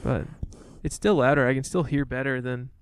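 A man's voice: medium pitch, moderate pace, clean tone, no echo. A man hosting a podcast in casual chat, joking and rambling with frequent restarts. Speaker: podcast host.

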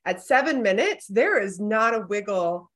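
A woman's voice: medium pitch, expressive, normal speed. A woman co-hosting a podcast, coaching a guest in a candid, emphatic, conversational way. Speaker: podcast co-host and business coach.

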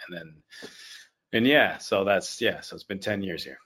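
A man's voice: low voice, animated, normal speed, fairly bright tone, husky. A young man from Haiti, an actor guest, chatting casually on a video call, easygoing and repeating his phrases. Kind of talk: casual interview chat.

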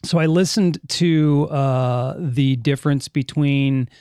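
Speaking slowly in a smooth, mellow, mid-range voice, a podcast host runs a casual live show, reading listener chat comments out loud while rambling and correcting himself. The studio-quality recording through his studio mic and headphones has no room sound.

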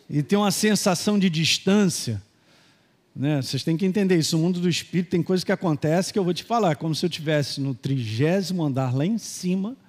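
A middle-aged man with a Brazilian Portuguese accent, giving a sermon and telling a personal story in a conversational way, with asides to the congregation. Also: sits high. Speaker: pastor. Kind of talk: sermon testimony.

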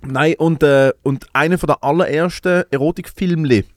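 A man's voice: fairly high pitch, normal speed, dry recording, studio quality. A young man with a Swiss German accent, telling rambling, laughing stories as a podcast co-host. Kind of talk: casual chat.

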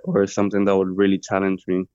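A man's voice: sits low, monotone, quick pace, darkish tone, clean tone, no room sound, lo-fi sound. A man in his twenties from Colombia, a native Spanish speaker talking in English as a podcast guest. He talks hesitantly, with many fillers and restarts. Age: 20s. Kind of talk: interview conversation.

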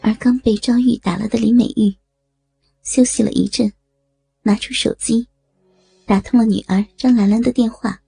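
A woman narrating a story in a steady, matter-of-fact reading voice. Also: on the high side, normal speed, vocal fry, long pauses, husky, dry recording, soft background music.

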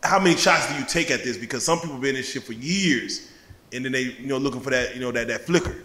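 This podcast host has a medium-pitched, bright, forceful voice and talks quickly. He runs a casual interview, asking long, rambling questions packed with fillers, and the room adds a long reverb.

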